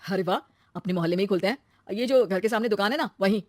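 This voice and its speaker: A woman's voice: mid-range voice, fast, dry recording, clean studio sound, natural voice. A woman voicing an earnest young husband in a dramatized family story, blunt, emphatic and easily exasperated. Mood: matter-of-fact. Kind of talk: acted story dialogue.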